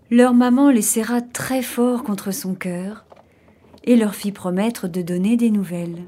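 Slow, soft-voiced woman telling a fairy tale. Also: mid-range voice, breathy edge. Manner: slow, gentle storybook narration. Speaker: storyteller. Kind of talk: children's fairy tale reading.

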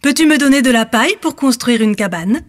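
A woman's voice: on the high side, lively intonation, fairly quick, lightly acted. A woman voicing a small, polite but stubborn little pig in a storybook reading, with emphatic refusals.

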